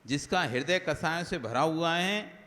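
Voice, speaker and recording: A man's voice: a little high, animated, a little slow, pushed and bright. A man giving a conversational sermon as a Jain monk, listing examples one after another and asking rhetorical questions. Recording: long hall reverb.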